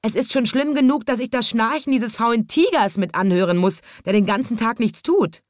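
A woman's voice: a little high, sing-song, slow pace, warm tone, no echo, studio quality, voice pushed up. A woman voicing a grumpy male monkey in a storybook, complaining in a whiny way. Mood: grumbling.

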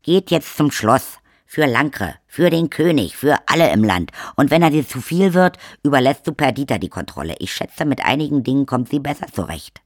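A man voicing an older village witch woman, shameless, blunt and bossy in a brisk matter-of-fact way. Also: medium pitch, big pitch swings, no echo, clean studio sound.

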